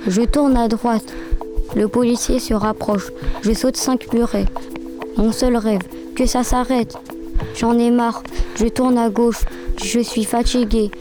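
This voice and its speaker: Woman, slightly high voice, tense first-person reading over music. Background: background music.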